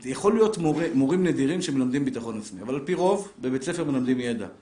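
A middle-aged man, a rabbi, giving a live Torah lesson to a seated audience, talking straight to them with lively rhetorical questions. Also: mid-range voice. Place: lecture room with a seated audience. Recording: roomy echoing room.

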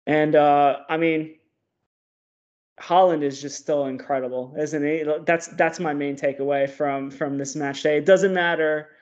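A man co-hosting a football podcast, giving animated, opinionated analysis packed with stats. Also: on the high side, measured pace. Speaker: podcast co-host. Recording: dull lo-fi audio.

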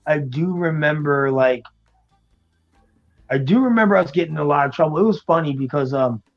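A man from the United States with a voice pitched a touch higher than most men's, telling stories from his life in a loose, halting way full of ums and restarts. The recording sounds a little dull and lo-fi, with faint music underneath. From United States (New York, raised in Florida). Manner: relaxed, hesitant storytelling with many ums. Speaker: guest. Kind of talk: casual interview chat.

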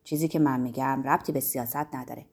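A man's voice: medium pitch, steady tone, creaky, pitched below the performer's own voice. A woman voicing a proud, homesick young man who speaks earnestly and insistently in a story. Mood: earnest, indignant.

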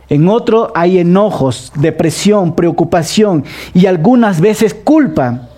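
A Peruvian pastor in middle age delivers a sermon in a fairly high voice with a soft, mellow tone. He takes his time, asking the congregation questions and leaning on slow, deliberate repetition. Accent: Peruvian Spanish. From Peru. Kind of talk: sermon, Bible study.

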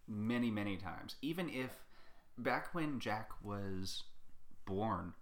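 Young man, podcast co-host, casual chat, low voice, slow, dry humor. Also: lively intonation. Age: young adult. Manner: dry, unhurried, joking.

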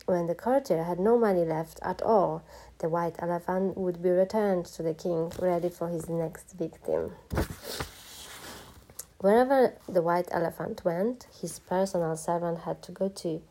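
A woman reading a children's storybook aloud in an expressive narrating manner. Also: fairly low pitch, unhurried. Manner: expressive, animated voices. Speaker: storybook reader.

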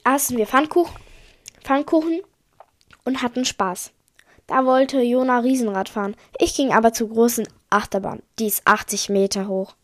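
High-voiced woman reading her story aloud. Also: normal speed, no room sound. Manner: stumbles and corrects herself mid-sentence. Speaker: podcast host reading her own story. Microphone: voice message recording.

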